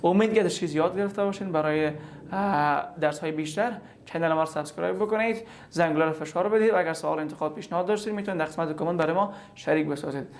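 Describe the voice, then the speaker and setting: A man with an Afghan Dari accent teaching a pronunciation lesson, patient and repetitive, sounding out consonants aloud to demonstrate them. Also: on the high side. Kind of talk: explanatory online lesson.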